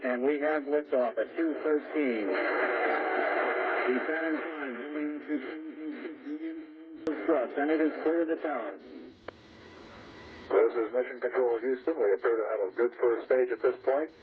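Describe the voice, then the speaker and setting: Man on crackly radio transmission. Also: mid-range voice. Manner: calm measured announcing. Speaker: launch commentator. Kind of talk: launch countdown commentary. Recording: tinny hissing archive radio broadcast.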